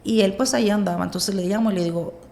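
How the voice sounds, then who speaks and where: A woman with a Mexican accent, a podcast guest, telling a personal story in a lively way and acting out what others said. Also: mid-range voice, fast talker, vocal fry, slight background noise. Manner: animated retelling, acts out quoted dialogue.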